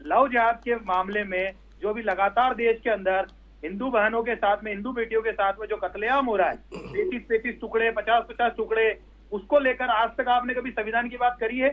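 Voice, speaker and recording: A man's voice: high voice, fairly even intonation, fairly quick. Man on a choppy, glitchy phone line. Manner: pointed, repeats figures for emphasis. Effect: choppy, breaking-up phone line. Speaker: debate panelist. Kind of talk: heated TV debate question. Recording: tinny glitchy phone call.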